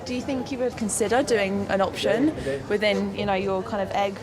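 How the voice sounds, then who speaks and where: A woman's voice: mid-range voice, a little fast. A woman chatting casually as a campaigner at a busy outdoor market. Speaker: vegan campaigner. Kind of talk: casual chat. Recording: loud market crowd and music.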